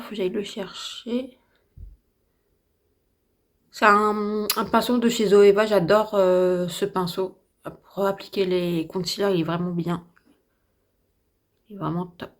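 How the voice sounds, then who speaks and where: A slightly hoarse woman with a French accent chatting casually and enthusiastically through a makeup tutorial at home, with lots of fillers. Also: mid-range voice, little pitch movement, unhurried, long pauses. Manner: chatty, enthusiastic, repeats herself with many fillers. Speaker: beauty vlogger. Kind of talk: casual get-ready-with-me makeup chat.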